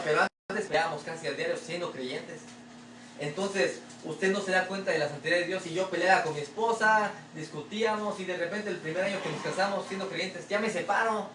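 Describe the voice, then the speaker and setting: A man's voice: sits high, a bit bright. Man preaching in an echoey church. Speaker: pastor. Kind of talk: sermon. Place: church sanctuary. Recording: echoey room, distant mic, faint ambient noise.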